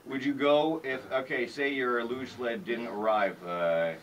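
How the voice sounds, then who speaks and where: A man's voice: mid-range voice, measured pace, a bit bright, lo-fi sound. Male morning radio DJ, distant and slightly noisy. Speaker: morning rock radio DJ and interviewer. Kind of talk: casual morning radio DJ chat. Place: radio studio. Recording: off-mic sound with faint background noise.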